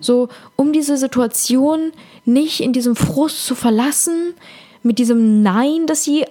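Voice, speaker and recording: A woman's voice: sits high, a little slow, mellow. A woman casually telling an anecdote to her listeners and reflecting on couples, speaking directly to them. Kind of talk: casual storytelling monologue.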